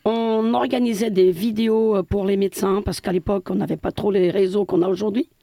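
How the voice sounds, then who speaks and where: A woman's voice: mid-range voice, fairly even intonation, a little fast, vocal fry, mellow, dry recording. A middle-aged woman from Portugal, a building caretaker answering interview questions hesitantly with many fillers and restarts.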